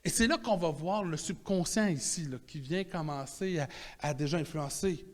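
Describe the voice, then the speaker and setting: A man with a Quebec French accent preaching a sermon in a conversational, animated way, restarting his phrases often. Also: on the high side, moderate pace. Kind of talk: sermon teaching.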